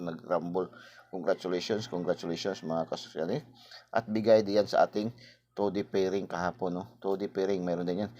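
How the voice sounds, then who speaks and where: Hoarse man rambling to his viewers. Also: deep voice, darkish tone. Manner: rambling, tags sentences with a questioning "no?". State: hoarse, clearing his throat. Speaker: lottery tip vlogger. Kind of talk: casual chat to viewers.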